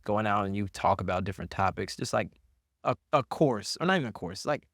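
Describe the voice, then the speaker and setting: A man's voice: fairly low pitch, a little fast, no echo, studio quality. A young man with a slight lisp, a guest telling stories in a casual interview and acting out other people's lines in a raised voice. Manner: animated storyteller, acts out others in a raised voice. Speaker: podcast guest, entrepreneur.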